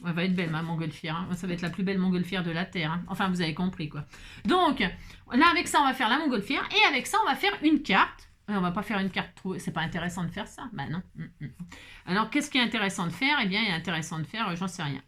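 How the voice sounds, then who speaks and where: A talkative woman walks viewers through a papercraft project in an easygoing tutorial. She jokes often and keeps checking in with her audience through little filler tags. Her voice sits in a middle pitch range. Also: a bit bright. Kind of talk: casual chatty craft tutorial.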